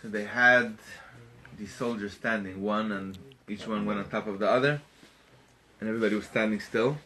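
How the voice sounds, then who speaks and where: Man giving an animated Torah lesson. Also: lowish voice, moderate pace, a little hiss or hum. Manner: animated, acts out the characters, rises to emphatic peaks. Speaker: Torah teacher.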